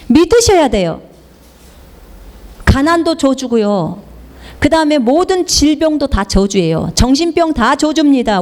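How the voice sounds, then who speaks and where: A high-voiced, middle-aged woman delivering a sermon as a missionary preacher. Her pitch swings widely as she drives each point home with emphatic repetition. She leads the listeners in call-and-response. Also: darkish tone. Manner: emphatic, repeating phrases for the congregation to echo.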